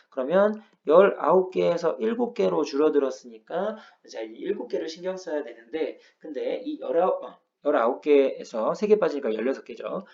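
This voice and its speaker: A man lecturing as a language teacher, walking through each rule patiently, one step at a time. His voice is dark and mellow, with a lively rise and fall of pitch. The sound is a little dull and lo-fi. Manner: patient step-by-step explaining, frequent "ja" prompts. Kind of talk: lecture explaining grammar rules.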